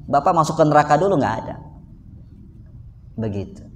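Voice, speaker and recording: Joking preacher in an echoey hall. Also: male voice, on the high side, big pitch swings, fairly quick. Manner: jokey, keeps addressing listeners directly. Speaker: Islamic preacher. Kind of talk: casual sermon to a live congregation. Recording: echoey hall with faint background noise.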